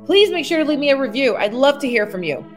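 A woman with a high voice gives a solo motivational podcast talk. She coaches in an upbeat, encouraging tone and addresses the listener directly. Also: sing-song, fast, faint music behind. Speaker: weight loss coach and podcast host.

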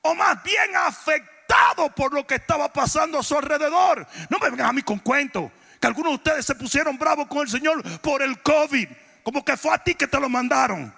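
High-pitched shouting preacher in a hall. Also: male voice, brisk, gravelly. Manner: preaching with shouted emphatic lines and joking asides. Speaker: pastor. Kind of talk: sermon.

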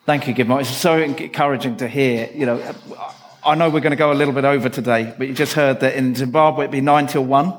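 A man's voice: medium pitch, steady tone, a little fast. A man leading a church service, interviewing a guest, who often stumbles and repeats words as he forms his questions. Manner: hesitant, repeats words while forming questions. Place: church hall. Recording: reverberant hall with faint noise.

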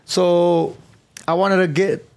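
A man hosting a podcast interview, easygoing and chuckling, tossing in quick okays between questions. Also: sits high, little pitch movement, a little mellow, smooth. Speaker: podcast host. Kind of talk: casual interview.

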